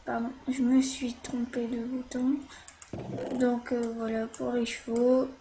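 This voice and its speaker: A woman's voice: fairly high pitch, flat delivery, slow pace, warm tone, a little hiss or hum. A woman talking through a casual game tutorial while she plays, hesitant, with many fillers and little "hop" sounds as she clicks.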